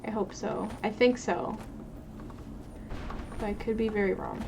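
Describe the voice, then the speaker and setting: A woman's voice: mid-range voice, unhurried, creaky. Young woman, streamer, casual gameplay chat, swears, noisy mic. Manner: chatty, swearing, talks to the game character.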